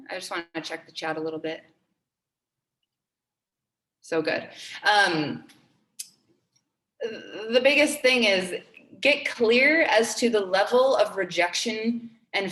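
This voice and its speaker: A woman's voice: fairly low pitch, fairly bright tone, roomy sound. A woman in her twenties giving a motivational talk to her team, earnest and upbeat, repeating key phrases for emphasis. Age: 20s. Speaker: team trainer.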